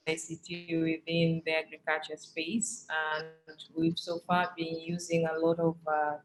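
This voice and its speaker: Hesitant woman from Tanzania, lowish voice. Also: low-quality recording. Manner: hesitant, many fillers. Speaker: webinar participant. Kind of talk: casual remarks on a video call.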